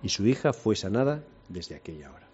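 A man's voice: fairly low pitch, sing-song, brisk, a little mellow, husky. A man giving a conversational sermon, retelling a Bible passage and asking his listeners questions. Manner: conversational, rhetorical questions, retells scripture with voices. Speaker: preacher. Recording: dull lo-fi sound.

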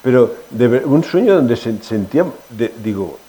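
A man's voice: mid-range voice, lively intonation, normal speed, mellow, rough recording. A middle-aged man giving an informal sermon, telling personal stories and asking his listeners questions, with frequent restarts. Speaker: preacher.

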